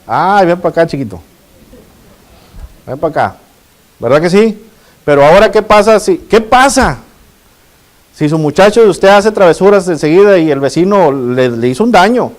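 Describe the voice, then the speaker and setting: A middle-aged man, preaching a sermon and asking his congregation rhetorical questions. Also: on the high side. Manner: addresses the congregation as brothers and asks rhetorical questions. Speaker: pastor.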